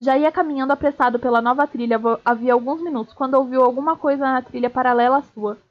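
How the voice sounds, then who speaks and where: A woman streamer reads a novel aloud at a steady clip and now and then trips over a word and starts it again. Her voice is high. The stream audio is dull and lo-fi. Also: quick pace. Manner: steady reading with small slips and restarts. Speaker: streamer reading a book aloud. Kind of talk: live read-aloud of a novel.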